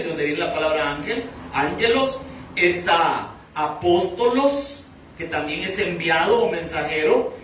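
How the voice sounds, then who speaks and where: Male preacher, high bright voice, heard from a distance in a very echoey church hall. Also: slight background noise. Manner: asks the audience questions, rises to emphatic preaching. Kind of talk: sermon teaching.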